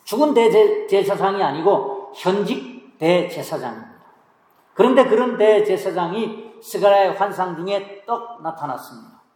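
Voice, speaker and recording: A male pastor delivering a sermon, posing rhetorical questions and answering them, with sharp swings between loud emphasis and quiet asides. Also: high voice, animated, normal speed. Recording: echoey hall.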